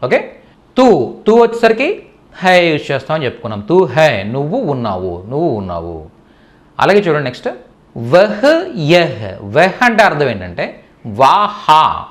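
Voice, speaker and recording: A man teaching Hindi in a spoken lesson, who explains patiently, repeats words and often checks that listeners understand. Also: fairly high pitch.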